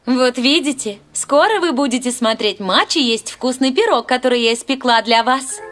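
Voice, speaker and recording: A gentle, patient cartoon mom. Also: female voice, high voice, lively intonation, normal speed. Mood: soothing. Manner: gentle, soothing, reassuring. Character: kind, patient mother baking a pie. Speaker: dub voice actor. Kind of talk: cartoon dub acting.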